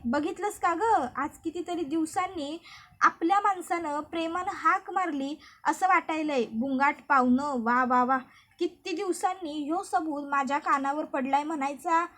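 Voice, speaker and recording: A woman's voice: sits high, fairly bright tone. A woman voicing a playful, persistent village husband who teases in a rural dialect. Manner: rural dialect, teasing, insistent. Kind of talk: recap narration with read-out dialogue.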